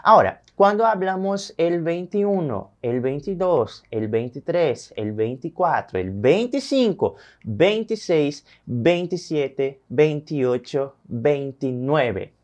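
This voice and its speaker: A Brazilian male teacher leads a recorded lesson and talks straight to his viewers. He stretches each number out slowly and clearly for learners to repeat. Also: on the high side, animated, lo-fi sound. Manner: addresses viewers directly, draws out numbers slowly. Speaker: Spanish teacher.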